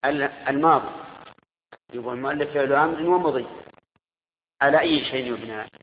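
A man's voice: medium pitch, a little fast, slight background noise. A man teaching a grammar class, quizzing his students and repeating their answers. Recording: tinny echoey hall recording.

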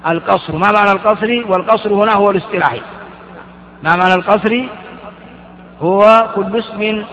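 A man's voice: sits high, a little fast, a bit bright, a little hiss or hum. A man teaching Arabic grammar in class, asking questions and answering them himself with frequent restarts. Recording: dull, reverberant hall recording.

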